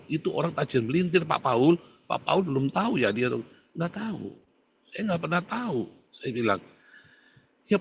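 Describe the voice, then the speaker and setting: A male pastor giving a casual, conversational sermon. He talks to the congregation directly and swings between loud bursts and quiet asides. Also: medium pitch, a little hiss or hum. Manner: animated, colloquial, addresses listeners as "saudara".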